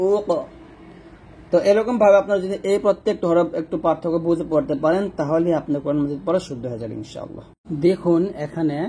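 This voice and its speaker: A man gives a recitation lesson in a fairly high voice. He drills each letter sound again and again, stretching the vowels out slowly. A faint hum of the room sits behind him. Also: a little mellow. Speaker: Quran recitation teacher. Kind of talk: spoken tutorial lesson.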